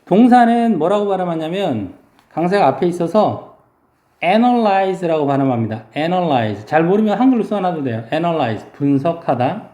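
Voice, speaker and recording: A male English teacher giving a vocabulary lesson, explaining slowly and drawing out English words to model their pronunciation. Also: high voice, expressive, mellow, roomy sound.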